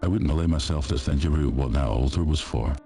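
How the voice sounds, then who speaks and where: A man narrating a first-person horror story in a steady, measured way. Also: extremely low pitch, faint music behind.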